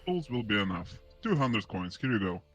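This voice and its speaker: A man playing a customer in a tabletop game, his voice pitched down by a voice changer. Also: sing-song, normal speed, dry recording, soft background music. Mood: curt. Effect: voice changer lowering the pitch.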